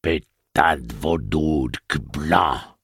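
A man voicing a furious, scornful woman in an audiobook, taunting and threatening in a shrill voice. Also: drawn-out words, a bit bright, slightly rough, no echo, clean studio sound, exaggerated voice. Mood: muttering scorn.

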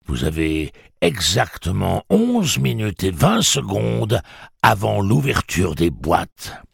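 A man's voice: lowish voice, big pitch swings, slow, creaky, slightly rough, dry recording, clean studio sound, voice pushed up, exaggerated voice. Blaine, a cold gloating train machine, as a man puts it on. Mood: menacing. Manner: mocking, cold and toying. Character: booming cruel talking monorail machine.

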